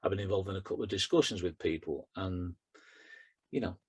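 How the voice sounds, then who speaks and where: Husky middle-aged man, chatty poet. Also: sits low, a little fast. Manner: chatty and rambling with fillers, rhythmic when reciting. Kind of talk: book launch talk and poetry reading.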